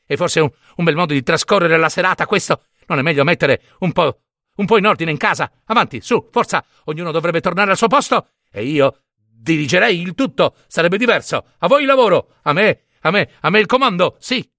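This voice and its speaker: A man's voice: high-pitched, lively intonation, a little fast, sharp tone, no room sound, studio quality, heavily acted. A man doing a bossy furious shopping bag. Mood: indignant. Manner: indignant, domineering.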